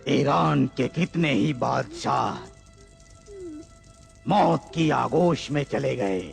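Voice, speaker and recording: A gravelly proclaiming king. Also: mid-range voice, lively intonation, extremely slow, soft background music, exaggerated voice. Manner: proclaiming, solemn. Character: commanding ancient king, proud and grand. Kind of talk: Urdu film dubbing.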